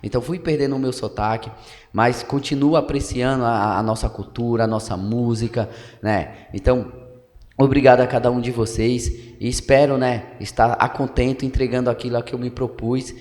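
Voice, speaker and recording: A local journalist from Pernambuco, Brazil, in his thirties, speaks at a moderate pace with a steady, a little mellow, medium-pitched voice. Guesting on a podcast, he gives relaxed political commentary, explaining at length with frequent fillers and tag questions, recorded amid long hall reverb in a council building room.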